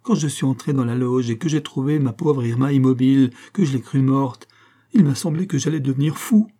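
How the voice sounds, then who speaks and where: A man's voice: mid-range voice, a little fast, dark tone, pitched above the performer's own voice, lightly acted. A man voicing a desperate young ex-convict who pleads his innocence in a frantic, protesting way. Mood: pleading.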